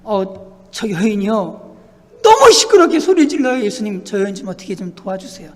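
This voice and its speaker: A man's voice: high-pitched, big pitch swings, moderate pace, a little hiss or hum. A male pastor voicing annoyed male followers who complain hesitantly, in a reverberant church hall.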